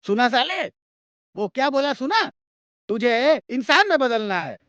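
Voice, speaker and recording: A scornful street tough who lectures in a rough way. His voice is very high for a man. The sound is slightly dull, with a faint hiss. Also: very animated, measured pace, heavily acted. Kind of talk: Hindi film dub.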